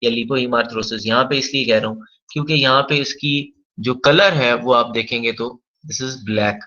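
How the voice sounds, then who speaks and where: Guy lecturing on knee x-rays, bright voice, kinda dull lo-fi audio, slows way down reading english bits. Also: medium pitch. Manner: mixes Hindi explanation with slowly read English textbook lines. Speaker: physiotherapy lecturer. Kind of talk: recorded radiology lecture.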